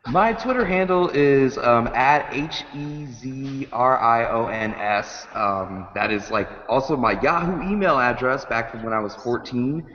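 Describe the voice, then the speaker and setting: A man's voice: medium pitch, lively intonation, unhurried, hardly any pauses, a bit bright, lo-fi sound. A man co-hosting a webcast from a large rec center stage, his voice echoing through a big hall over a video call, chatty and self-deprecating. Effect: big hall echo. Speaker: co-host. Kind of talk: casual chat on a webcast.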